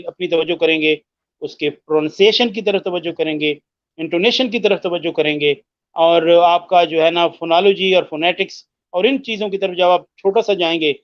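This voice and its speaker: High-voiced man teaching English, dull dry sound. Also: no room sound. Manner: explains slowly with many hesitations and mixes in English phrases; demonstrates word stress by repeating words. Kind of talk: explanatory discussion on listening skills.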